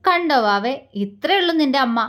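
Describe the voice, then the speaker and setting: A woman's voice: high-pitched, lively intonation, brisk, a bit bright. A woman voicing a teasing young man. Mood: mocking. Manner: playful baby talk turning to scornful taunts. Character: teasing, mocking young man, a doctor and father.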